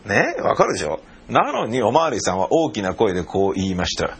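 A middle-aged man with a low, husky voice tells a casual story on his own. His pitch swings widely as he acts out the people he quotes. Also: huge pitch swings, brisk, fairly bright tone. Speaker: radio personality telling a travel story. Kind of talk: casual monologue.

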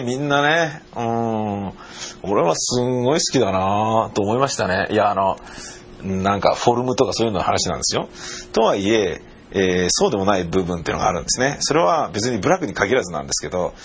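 A man's voice: fairly low pitch, husky. A middle-aged man, a radio personality, telling a travel story in a casual monologue and acting out the voices he quotes. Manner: animated storyteller who acts out quoted voices.

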